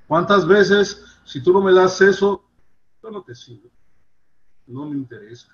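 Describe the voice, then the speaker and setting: A man giving a devotional sermon in an earnest way, his voice rising and dropping in loudness for emphasis. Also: a little high, dull audio. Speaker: preacher.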